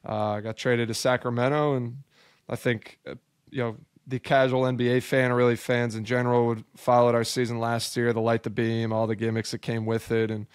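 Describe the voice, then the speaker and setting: Young man, from upstate New York, even tone, dry close sound, chatty guest. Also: medium pitch, brisk, clear, resonant tone, dry recording. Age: young adult. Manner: easygoing, chatty storytelling. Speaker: guest basketball player. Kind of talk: casual podcast conversation. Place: home studio room. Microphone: headphones with large studio mic, video call.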